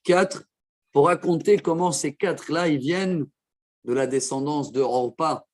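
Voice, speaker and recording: A man teaching a Torah class as a rabbi, explaining verses with quick asides to his listeners. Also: on the high side. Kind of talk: Torah lesson.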